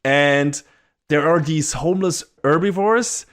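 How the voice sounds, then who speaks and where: A man co-hosts a podcast in a slightly high, slow voice, chatting casually and rambling while swearing and laughing often.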